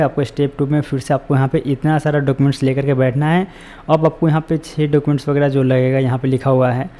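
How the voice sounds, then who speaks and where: In a warm voice on the high side, a man narrates a screen-recorded tutorial as a voice-over, walking through repetitive step-by-step instructions.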